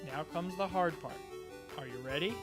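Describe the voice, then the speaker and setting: With music in the background, a man's natural, slightly high voice plays a cheerful, bodiless instructor in a spoof tutorial video. He teaches patiently and slowly, using simple, encouraging words as though to a child.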